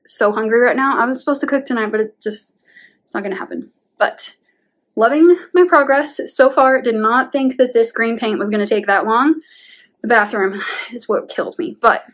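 A young woman vlogging casually at home while painting her room, chatty and rambling, tired and at times out of breath. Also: on the high side. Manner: chatty, rambling, uses "like" often, laughs between words. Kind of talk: casual vlog talk to camera. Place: home bedroom being painted.

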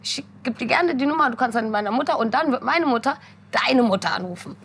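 Young woman chatting, animated, high bright voice, acts out her mom when she tells stories. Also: fairly quick, slight background noise. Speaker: guest. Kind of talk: casual chat.

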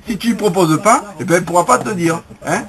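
A man's voice: high voice, fairly quick, a crowd in the background. Teasing man coaxing his pet bird. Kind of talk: playful home video chat.

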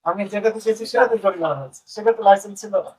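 A man's voice: sits high, very fast, a little mellow, slightly rough, low-quality recording. A Bangladeshi man working as a consumer rights officer, sternly questioning a bakery owner on the spot during an inspection. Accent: Bangladeshi Bengali. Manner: stern, probing, repeats questions. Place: bakery premises, indoors.

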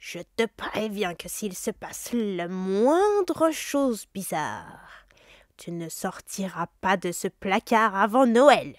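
A woman's voice: medium pitch, sing-song, no echo, studio quality. A woman doing a stern threatening uncle. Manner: slow, loud and menacing.

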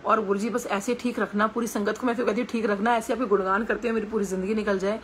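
A woman's voice: mid-range voice, steady tone, fast, slight background noise. A middle-aged woman with an Indian Hindi accent, giving a devotional satsang talk full of personal stories, speaking earnestly with conversational hesitations.

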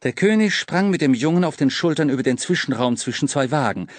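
A man narrating a children's audiobook in a lively, dramatic storytelling manner. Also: medium pitch, a little fast, dry recording. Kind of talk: scripted narration.

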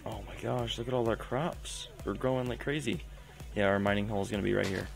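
A young man, a gaming channel host, gives casual commentary on his own gameplay from a room at home, chatty and often interrupting himself. His voice is lowish and gravelly, with a level tone and a fast pace. Faint music plays in the background.

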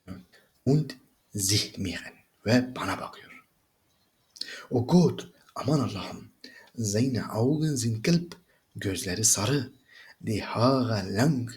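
With a fairly low-pitched voice, a male German teacher reads from a German reader at a slow pace, then briskly translates each line in casual asides.

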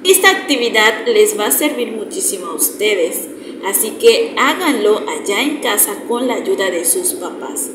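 A woman with a Mexican Spanish accent, a primary school teacher, summarizing the day's class slowly and directly for her pupils. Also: mid-range voice. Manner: slow, explanatory, addresses pupils directly. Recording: roomy echo with clear background noise.

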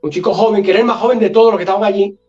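High-voiced man telling a story. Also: rapid-fire, recorded from a distance, lo-fi sound, soft background music. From Galicia, Spain. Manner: animated, acts out dialogue. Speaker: guest. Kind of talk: storytelling anecdote.

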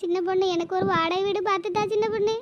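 A woman voicing a grieving young mother in a cartoon, pleading and lamenting with a very high, squeaky voice. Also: steady tone, racing, lo-fi sound, heavy background noise. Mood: tearful lament. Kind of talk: cartoon voice acting.

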